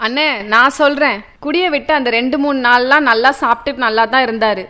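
Woman playing a high sharp-voiced wife, scolding, fed up with her drinking husband, radio drama. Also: fairly even intonation, fairly quick. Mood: pleading. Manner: shrill, scolding, wailing.

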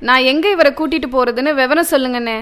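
A woman's voice: fast, fairly bright tone, clear, resonant tone. A woman playing a wife who scolds her husband for drinking, in a radio drama. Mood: pleading. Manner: shrill, scolding, wailing.

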